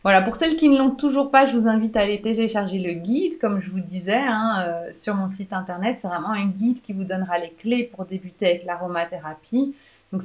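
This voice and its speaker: Belgian woman hosting a chatty live Q&A. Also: mid-range voice. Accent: Belgian French. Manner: chatty, warm toward viewers, many "euh" hesitations and restarts. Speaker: pharmacist and aromatherapy trainer hosting a live Q&A. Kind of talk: live online Q&A, reading and answering viewer comments.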